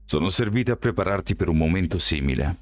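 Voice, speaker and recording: A man voicing a calm, self-assured young man who speaks in a measured, quietly defiant way, in an audiobook reading. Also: deep voice.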